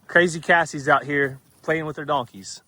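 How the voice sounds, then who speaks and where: A man's voice: on the high side, fairly even intonation, normal speed, sharp tone. A man chatting casually and teasing outdoors on his farm as a vlog host. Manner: folksy, teasing, drawling farm talk. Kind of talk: casual chat. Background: farm animals.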